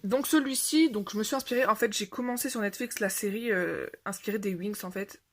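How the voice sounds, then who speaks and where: A woman's voice: mid-range voice, brisk. A young woman chatting casually about her finished coloring pages, rambling and correcting herself with lots of fillers. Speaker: coloring video creator. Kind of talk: casual show-and-tell chat.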